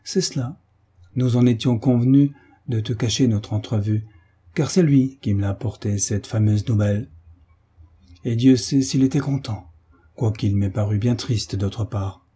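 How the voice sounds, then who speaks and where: Guy doing a cheery old navy vet uncle, deep husky voice, all exclamations. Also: unhurried, mellow. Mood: hearty. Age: older. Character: old sailor veteran, joyful, warm uncle.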